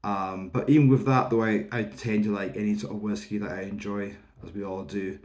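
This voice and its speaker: A whisky reviewer in his thirties from the Isle of Lewis in Scotland's Outer Hebrides speaks with a Hebridean Scottish accent. He gives a casual, rambling review to camera, explaining things informally. His lowish, darkish-toned voice keeps a fairly even intonation and moves fairly quickly.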